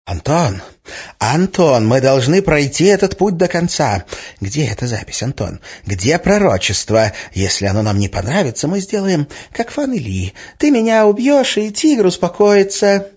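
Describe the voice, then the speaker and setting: A man voicing a shrill, desperate female witch who shrieks and pleads, in an audiobook reading. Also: sing-song, moderate pace, a little mellow, slightly rough, dull audio, heavily acted. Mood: pleading. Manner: shrieking, high-strung.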